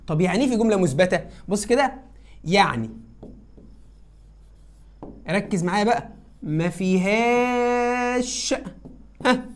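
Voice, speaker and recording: A woman with an Egyptian Arabic accent teaching an English grammar lesson, coaxing students and answering her own questions. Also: medium pitch.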